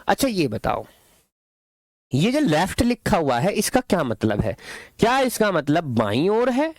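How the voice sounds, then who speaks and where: Playful, lively man teaching English. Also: high voice, no echo, clean studio sound. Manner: playful, asks students questions and answers himself; affectionate toward students. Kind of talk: classroom-style language lesson.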